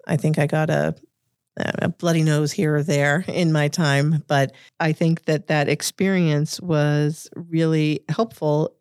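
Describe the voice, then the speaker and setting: A woman from Massachusetts with a Boston accent speaks as an interview guest, giving considered answers. Her voice has a noticeable gravelly fry, and the sound is dry and close, without room echo. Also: sits low, darkish tone. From Revere, Massachusetts, United States. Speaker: interview guest, corporate lawyer.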